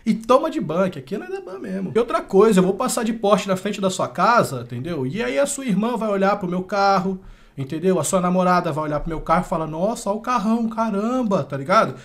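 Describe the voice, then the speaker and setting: A high-voiced Brazilian man talking on a casual gaming stream. He speaks quickly and brashly, peppering his talk with slang and swear words. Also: lively intonation. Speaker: game streamer. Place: small room at home, indoors.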